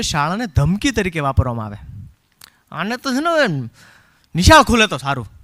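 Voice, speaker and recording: A middle-aged man leads a parenting seminar, his voice high and bright. He tells his points as stories, acts out what people say, and drops English phrases in along the way. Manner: animated storyteller who acts out quotes and chants rhymes. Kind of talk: live parenting seminar talk.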